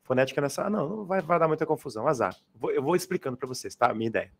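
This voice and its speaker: A man with a slightly high voice teaches a grammar class in a classroom. He talks casually and with slang, and keeps asking his students whether they follow. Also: animated, rapid-fire, vocal fry. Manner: casual, slangy, asks students to confirm often. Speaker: Portuguese teacher. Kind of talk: live exam-prep grammar class. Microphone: adjustable microphone.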